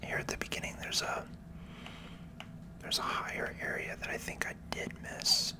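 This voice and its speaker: Leaning close to the microphone, a person plays a video game and offers relaxed, chatty ASMR narration. Their whisper is breathy and soft, fraying into creakiness at the edges.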